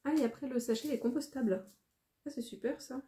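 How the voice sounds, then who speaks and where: Mellow, hesitant French woman vlogger. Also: high voice. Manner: hesitant, rambling, frequent pauses. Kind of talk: casual unboxing vlog.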